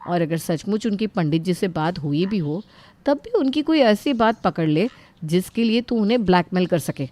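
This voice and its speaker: Woman doing a crafty best friend, lower quieter voice, plotting advice. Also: expressive, normal speed, natural voice. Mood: conspiratorial. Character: scheming confident female friend, young woman.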